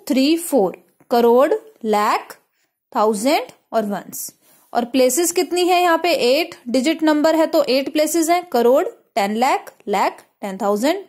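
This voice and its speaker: A woman with an Indian accent explains a math lesson in a high voice. She goes step by step and keeps checking if her students follow. English terms run through her talk. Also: darkish tone. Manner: explains step by step, asks "clear?" often; mixes English terms into Hindi. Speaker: teacher.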